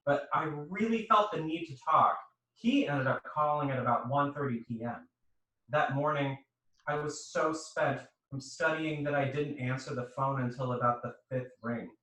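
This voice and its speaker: Wry male co-host, bright tone; echoey room and distant mic. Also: mid-range voice, moderate pace. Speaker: podcast co-host. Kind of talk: comic reading and casual chat.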